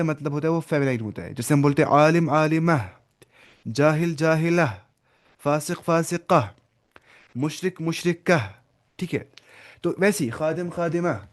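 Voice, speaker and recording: A man teaching an online language class, explaining step by step, mixing in English words and quizzing his students by name. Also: on the high side. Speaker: Arabic teacher.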